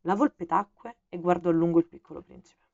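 Una donna che legge un audiolibro di fiabe come narratrice, con una lettura calma e chiara. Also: female voice, on the low side, a little fast, lo-fi sound. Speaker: audiobook reader. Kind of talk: scripted storybook narration.

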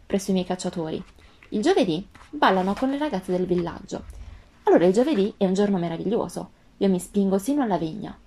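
Woman reading a wise gentle fox. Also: medium pitch, breathy edge. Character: gentle wise female fox, patient and wistful. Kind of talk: storybook reading.

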